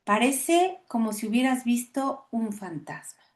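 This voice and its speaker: A woman reading the lines of a serene male spiritual teacher, explaining gently and patiently. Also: on the high side, animated, measured pace.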